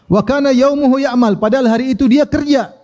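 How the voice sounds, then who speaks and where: A man's voice: very high voice, fairly quick, mellow. A man preacher giving a religious lecture. He tells the story with rhetorical questions, recites Arabic passages and chuckles now and then. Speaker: Islamic preacher.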